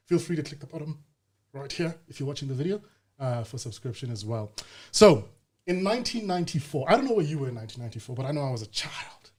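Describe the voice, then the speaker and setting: A man in his thirties hosts a business podcast. He talks at a rapid clip with a mid-range voice, and he speaks straight to his audience in an upbeat, energetic way. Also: mid-range voice. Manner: energetic, direct address to the audience. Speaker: podcast host. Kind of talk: podcast interview.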